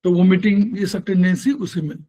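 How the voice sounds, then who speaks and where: A man's voice: sits high, a little fast, dark tone. A man with a North Indian Hindi accent teaching acupressure in an explanatory lecture, asking and answering his own questions and often correcting himself. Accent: Hindi-speaking North Indian.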